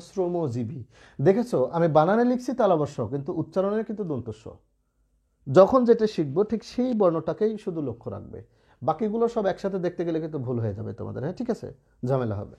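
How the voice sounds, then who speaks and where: A man's voice: fairly high pitch, mellow, muffled recording. A man teaching Bengali pronunciation rules in an online lesson, patiently checking in with students as he explains. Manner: patient, asks students rhetorical checks often.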